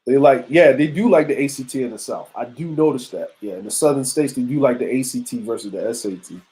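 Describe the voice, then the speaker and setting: A man around forty hosts a live-stream show, chatting loosely with slang and lots of asides to his viewers. His voice sits at an everyday middle pitch. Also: fast, mellow, poor audio. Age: 40s. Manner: loose and conversational, street slang, frequent asides to chat. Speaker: show host. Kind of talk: casual live-stream commentary.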